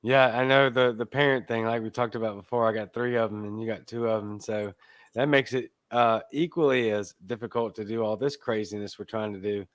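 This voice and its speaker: A man's voice: lowish voice, steady tone, fairly quick, no echo. A man hosting a casual live interview in an informal, agreeable way. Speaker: live show host.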